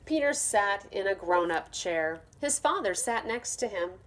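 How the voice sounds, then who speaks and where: A woman teacher reading a story aloud to young children, speaking to them directly in a gentle, expressive way. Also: mid-range voice, measured pace, slight background noise.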